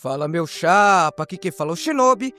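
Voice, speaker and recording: Bright, forceful and animated, this high-pitched man tells stories fairly quickly as host of a horror recap channel. He has a Brazilian accent, and his dramatic scripted narration over music is slangy, with playful asides.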